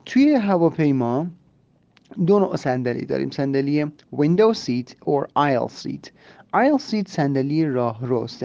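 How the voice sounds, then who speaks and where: Mellow-voiced man teaching a language lesson. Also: medium pitch, vocal fry, dry recording. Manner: explanatory, repeats phrases slowly for drilling. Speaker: English teacher and podcast host. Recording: slightly dull lo-fi recording.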